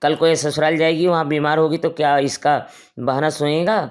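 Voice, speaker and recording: A man's voice: on the high side, flat delivery, a little fast, clear, resonant tone, lightly acted. Mean stepmom nagging and scolding, storybook voice, man narrator putting it on.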